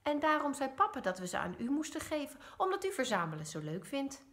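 A woman playing an eager, excited little boy from a storybook. His voice jumps high and swings all over. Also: a little fast.

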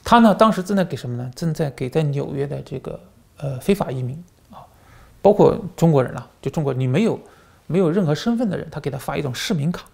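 A former journalist who now hosts a commentary channel delivers a political monologue in a fairly high, creaky, expressive voice at a quick pace. He tells stories animatedly, with lots of fillers and repeated words.

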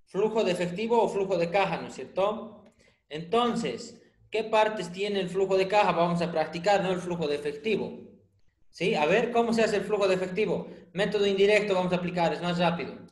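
A man's voice: sits high, fairly quick. A man teaching a finance class online, quizzing students by name and teasing them with dry jokes when they stay silent. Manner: questioning, teasing humor. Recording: roomy echo.

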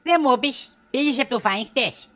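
A woman's voice: on the high side, expressive, close to an everyday voice. A woman playing a nosy middle-aged wife in a comedy sketch, pushy and prying for gossip.

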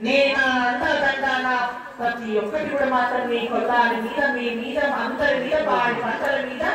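A woman's voice: sits high, fairly even intonation, moderate pace, recorded from a distance. A woman with a Telangana accent delivering prophecy in a trance, commanding and addressing devotees as her children, over a PA outdoors. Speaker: festival oracle giving prophecy. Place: outdoor hillside temple gathering with large crowd. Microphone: handheld mic over PA, recorded from the crowd. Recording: echoing PA from afar, crowd noise.

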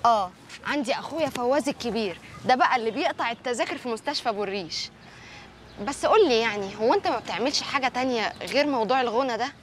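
A woman's voice: a little high, animated, rapid-fire, a little hiss or hum, natural voice. An actress with an Egyptian accent playing a chatty, curious young woman from the neighbourhood. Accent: Egyptian Arabic.

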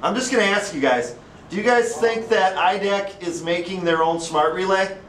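Recorded at a distance in an echoey classroom, a male instructor with an Upper Midwest American accent lectures casually and chattily, frequently questioning his class. His voice sits high and is a bit bright, at normal speed, with a little hiss or hum.

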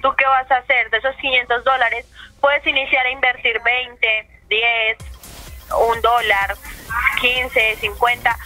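A woman with a Colombian accent making a persuasive, reassuring sales pitch as an account manager over the phone. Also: flat delivery, a little slow, pushed and bright, faint music behind. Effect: heard over a phone call. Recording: phone call played on speakerphone.

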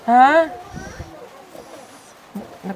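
A woman's voice: drawn-out words, a little mellow, highs cut off, a little hiss or hum. A woman vlogger chatting with a family at their home, coaxing and teasing with lots of questions. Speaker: vlogger visiting a sponsored child. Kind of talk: casual vlog chat.

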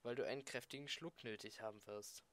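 A man's voice: mid-range voice, brisk, a bit bright, lightly acted. Man doing a coaxing, scheming alien friend. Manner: persuasive, coaxing and patient.

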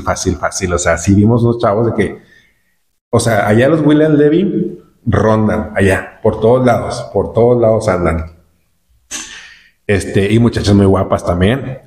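A fairly low, darkish voice belongs to a vlogger from Nuevo León who relates a trip in a loose, rambling style, with a northern Mexican accent, frequent fillers, and repeated words.

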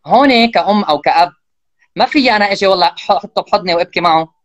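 Fast-talking man explaining parenting. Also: sits high, dry recording. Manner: fast, animated, acts out parent and child lines. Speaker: guest expert on parenting. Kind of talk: casual explanatory interview talk.

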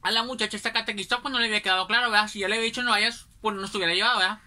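A woman tells an old neighborhood story, rambling and chatty. Her voice is very bright and piercing, sitting at an ordinary middle pitch. She keeps turning to her listeners with little questions. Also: steady tone, rapid-fire. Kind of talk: casual anecdote telling.

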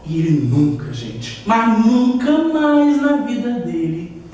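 A woman teacher telling a story to young children, expressive and addressing them directly. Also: on the high side, slow. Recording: echoey room, far from mic, faint music.

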